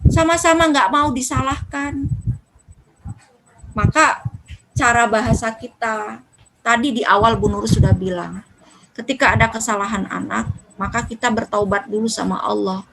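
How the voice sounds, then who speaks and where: A woman's voice: fairly high pitch, moderate pace, vocal fry, long pauses, slight background noise, rough recording. A woman giving a religious talk to parents, acting out the things parents say to their children. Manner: lively, acts out quoted dialogue with children. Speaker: parenting speaker.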